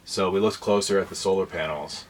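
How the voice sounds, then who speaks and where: A man with a very deep, low voice talks through a casual vlog, relaxed and rambling, often pausing with fillers. He sounds a little distant from the mic, with faint noise behind him outdoors. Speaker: vlogger. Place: outdoors by a converted bus.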